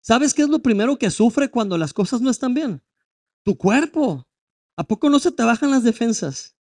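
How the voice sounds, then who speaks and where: A man's voice: very high-pitched, expressive, moderate pace, a little mellow. A male pastor preaching a sermon, emphatic and full of rhetorical questions.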